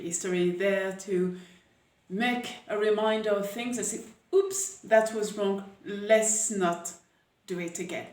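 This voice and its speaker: A woman from Paris, hosting a casual coffee chat and talking with many hesitant pauses. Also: mid-range voice, a little mellow. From Paris, France. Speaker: coffee camp host. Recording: echoey room, voice a bit far from mic.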